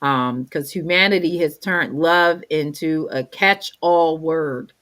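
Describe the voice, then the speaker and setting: A woman co-hosting a faith talk show, reading scripture aloud in a slow, measured way. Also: sits low, fairly bright tone. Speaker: co-host.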